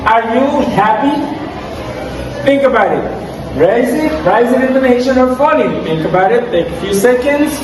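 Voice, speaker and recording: A man giving a slow, drawn-out classroom presentation as a student presenter, quizzing the class on intonation. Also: very high voice, animated. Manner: slow, drawn-out quiz prompts. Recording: echoey room, noisy crowd, far from mic.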